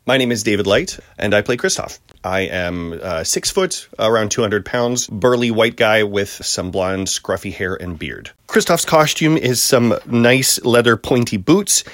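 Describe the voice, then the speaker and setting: A man's voice: fairly low pitch, a bit bright, no room sound, studio quality. A man stage actor introducing himself casually for audio description.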